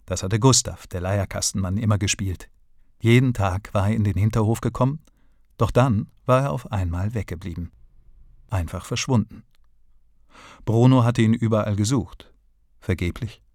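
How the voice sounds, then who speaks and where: Casting: ruhiger männlicher Erzähler für Kinderhörbuch, tiefe Stimme, trockener Raum. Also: male voice, fairly low pitch, normal speed, a little mellow, dry recording, studio quality. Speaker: storybook narrator. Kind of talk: children's audiobook narration.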